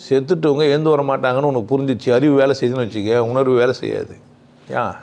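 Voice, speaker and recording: A man with a mid-pitched voice speaks in an informal lecture. He is blunt and teasing, firing questions at his listeners and answering them himself. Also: fairly even intonation, quick pace, vocal fry, a little mellow. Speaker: speaker at a spiritual gathering.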